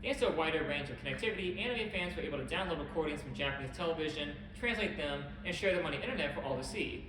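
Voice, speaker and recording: Fast-talking man presenting in an echoey hall. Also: a little high, animated. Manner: brisk, wry, occasional self-corrections. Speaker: convention panel host. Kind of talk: presenting a history talk. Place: convention panel room. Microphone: camera at a distance. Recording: echoey hall, distant camera, background hum.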